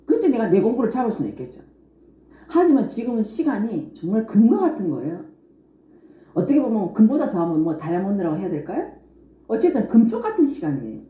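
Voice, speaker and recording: Woman lecturing on spirit stuff, quick and lively, echoey room. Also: medium pitch. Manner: earnest, explanatory, acts out inner voices.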